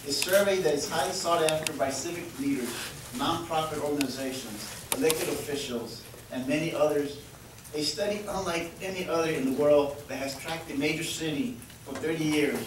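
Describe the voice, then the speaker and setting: A man in his fifties from Texas, hosting and introducing a presentation to an audience in a friendly, joking way, sometimes repeating words. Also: on the high side. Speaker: event host and presenter. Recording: echoey hall from far off, with noise.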